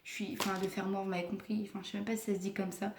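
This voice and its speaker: A young woman chats through a home unboxing in a halting, filler-heavy way. She keeps apologizing as she goes. Her voice bounces off the walls of an echoey room, with clear background noise underneath. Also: mid-range voice, little pitch movement. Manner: hesitant, many fillers and apologies. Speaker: vlogger. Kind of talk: casual unboxing haul video. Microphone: camera mic.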